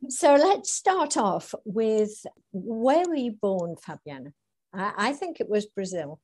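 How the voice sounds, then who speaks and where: A woman hosting a podcast interview, chatty and quick to laugh. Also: medium pitch, sing-song, a little mellow, breathy edge, no echo. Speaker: podcast host. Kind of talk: casual interview.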